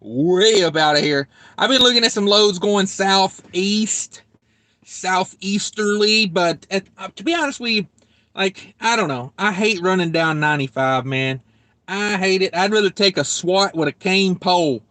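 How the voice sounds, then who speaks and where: High, bright-voiced joking trucker. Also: male voice, measured pace, dry recording. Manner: rambling, joking, reads viewer comments aloud. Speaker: trucker livestream host. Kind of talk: casual live-stream chat.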